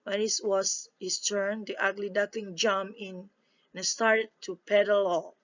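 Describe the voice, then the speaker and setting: Young woman reading a story to a class; slow, halting, fillers throughout, muffled recording. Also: mid-range voice, little pitch movement, a bit bright. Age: young adult. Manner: hesitant, many fillers and restarts. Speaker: presenter telling a story to a class.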